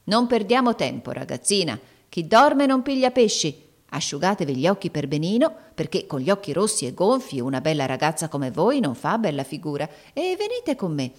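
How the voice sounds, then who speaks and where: A woman voicing a sly old woman in a storybook reading, with a shrill, caressing, oily manner. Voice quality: shrill yet caressing, unctuous.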